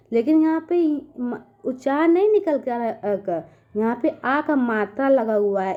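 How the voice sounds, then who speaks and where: A woman's voice: high voice, warm tone. A woman teaching children spelling, patient and repetitive, often checking that they follow. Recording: dull lo-fi recording.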